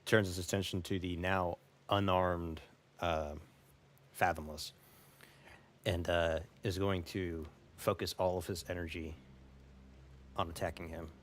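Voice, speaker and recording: Game master, man, low voice, casual, swears a lot. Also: fairly even intonation, unhurried, long pauses. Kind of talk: narrating a tabletop game.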